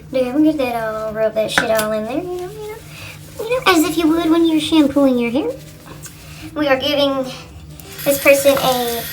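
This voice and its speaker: High-voiced woman chatting slangy and profane. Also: recorded from a distance, background noise. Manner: slangy and profane, keeps asking "you know?"; joking, self-mocking. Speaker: vlogger demonstrating a how-to. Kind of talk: casual tutorial chat.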